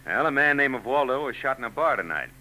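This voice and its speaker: A fast-talking actor with a sharp, animated, medium-pitched voice plays the narrator and lead, a hard-boiled private eye from a 1940s radio drama. He delivers dry, sardonic wisecracks. The poor audio comes from old broadcast tape with faint noise.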